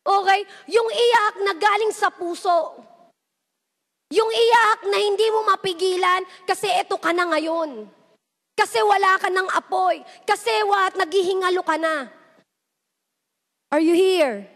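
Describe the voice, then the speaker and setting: A young woman with a very high voice preaches to a youth service in an echoey church hall. She switches between Tagalog and English and acts out quoted lines as she tells stories. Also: measured pace, fairly bright tone. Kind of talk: sermon.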